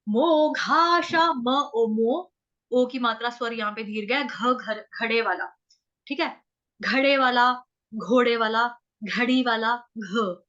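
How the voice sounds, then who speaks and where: High, bright-voiced woman teaching chanting. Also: lo-fi sound. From North India. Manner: explains pronunciation syllable by syllable, chants words slowly. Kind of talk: online scripture chanting lesson. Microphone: video call.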